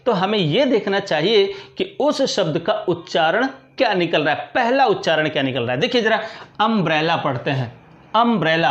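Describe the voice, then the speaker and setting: High-voiced Indian teacher asking "clear?". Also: male voice, a bit bright, lo-fi sound. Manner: explains patiently, repeats words, keeps asking "clear?". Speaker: English grammar teacher. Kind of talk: classroom lecture.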